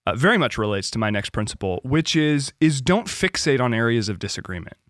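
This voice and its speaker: A man's voice: mid-range voice, very animated, fairly quick, a bit bright, no echo, clean studio sound. A man in a casual podcast conversation, friendly and affirming, with some hesitant restarts. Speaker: co-host.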